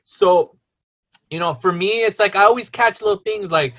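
A man in his late thirties hosting a casual podcast chat over a video call, chatty and quick to laugh. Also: high-pitched, fairly bright tone. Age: 30s. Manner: chatty, laughs easily, loose filler-heavy talk. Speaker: podcast host.

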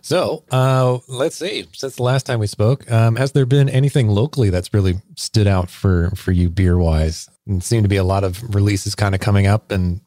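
A man's voice: fairly low pitch, moderate pace, few pauses, mellow, dry recording, studio quality. A man hosting a casual podcast from home over a remote call, leading a beer tasting with easy questions. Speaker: podcast host. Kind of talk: casual chat.

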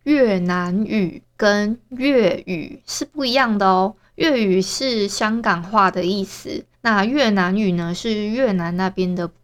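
A woman's voice: mid-range voice, measured pace, few pauses. A woman with a Taiwanese accent hosting a podcast alone, talking casually and chirpily straight to her listeners. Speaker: podcast host. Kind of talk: casual solo podcast talk.

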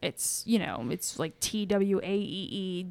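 A woman co-hosting a podcast tells a story in a rambling, chatty manner, often correcting herself as she goes. Her voice is mid-range and darkish in tone, her pace unhurried, and there is no room sound.

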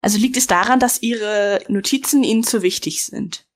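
A woman's voice: mid-range voice, moderate pace. A woman playing a tabletop game, blunt and full of questions. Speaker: player. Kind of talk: casual tabletop play.

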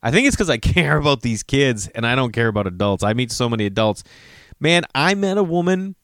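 A Massachusetts man in his forties tells a rambling personal story in a medium-pitched, sing-song, slightly bright voice at a somewhat fast pace. He digresses, often loses his thread and corrects himself, and swears casually. The studio sound is clean with no echo.

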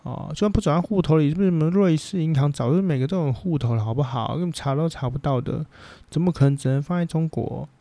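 A man's voice: fairly high pitch, quick pace, mellow, no room sound. A man with a Taiwanese Mandarin accent talking as a podcast host, rambling bluntly through a casual opinion chat and swearing freely.

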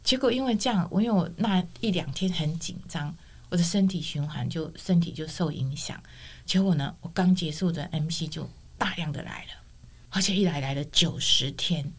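A woman's voice: fairly low pitch, moderate pace, husky. A middle-aged woman, telling her personal testimony as a guest and acting out the dialogue she quotes. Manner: expressive storyteller, acts out quoted dialogue.

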